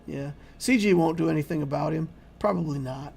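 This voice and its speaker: A gravelly-voiced YouTube game channel host answers chat during casual livestream commentary, rambling and restarting as he goes. His voice is on the high side and darkish, fairly quick, and he's losing it, clearing his throat often.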